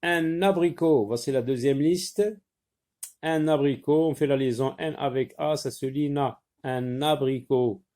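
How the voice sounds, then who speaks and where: A man teaching a spelling lesson, slowly sounding words out and spelling them letter by letter. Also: mid-range voice, dark tone.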